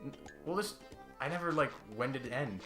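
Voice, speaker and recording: A young man casually chatting while playing a video game, swearing loudly when he fails. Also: mid-range voice, expressive, a little fast, soft background music. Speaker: let's play gamer. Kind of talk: casual gaming chat.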